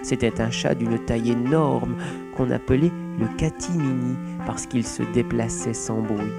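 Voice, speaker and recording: A man narrating a children's storybook with a lively, expressive reading. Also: mid-range voice, a little slow, gravelly, loud music behind the voice.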